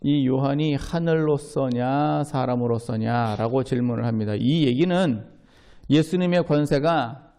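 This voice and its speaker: A man's voice: mid-range voice, measured pace. A man preaching a sermon as pastor, talking in a conversational way, asking the listeners questions and acting out quoted lines. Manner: acts out quoted lines in lively voices.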